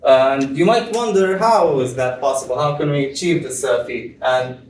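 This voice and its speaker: A young man from Tunisia giving a conference presentation, explaining step by step with frequent pauses and fillers. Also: medium pitch, a little hiss or hum. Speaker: PhD student presenter. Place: conference room. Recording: echoey room, far from mic.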